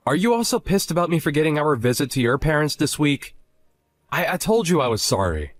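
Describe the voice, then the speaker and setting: A defensive, easily indignant young husband argues his side in a chat-story drama, as a man acts him out. His voice is a bit high for a man and swings widely in pitch. It is recorded dry and close. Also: very animated, fairly quick, no room sound.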